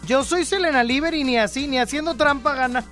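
A woman's voice: sits high, brisk, fairly bright tone, faint music behind. A woman with a Mexican accent hosting a call-in radio show, playful and teasing, often laughing. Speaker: radio host. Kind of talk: casual call-in radio chat.

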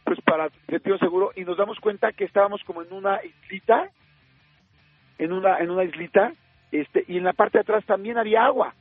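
A man with a Mexican accent, a radio host telling an anecdote in a lively way, full of fillers and acted-out quotes. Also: sits high, fairly quick, slightly rough, no room sound. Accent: Mexican Spanish. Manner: lively storyteller acting out quoted dialogue, many fillers. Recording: narrow phone-like sound, faint music.

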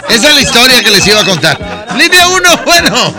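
A Mexican man hosts a call-in radio show with a high, bouncy voice. He jokes loudly with callers while music plays clearly underneath. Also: very animated, fairly quick. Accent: Mexican Spanish. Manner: loud joking banter with callers. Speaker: radio DJ host. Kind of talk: lively radio show hosting.

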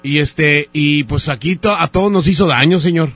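A man's voice: on the high side, moderate pace, a bit bright, husky. A Mexican-accented man playing a fake customer who complains over the phone about bad chicken in a prank call. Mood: complaining.

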